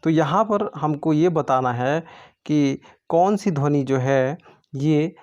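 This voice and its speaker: A man's voice: fairly high pitch, slow, a little mellow, dull audio. A man tutoring for an exam, going through quiz answers step by step in a patient way. He asks his own questions and then answers them.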